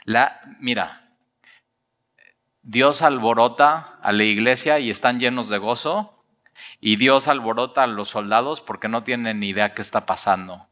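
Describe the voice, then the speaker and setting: A man preaches with a bright, forceful voice. He tells the story in a lively way, acts out its people and laughs often. His voice carries a long reverb from a large hall. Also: medium pitch, unhurried. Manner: laughs often and uses casual slang. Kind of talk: expository sermon.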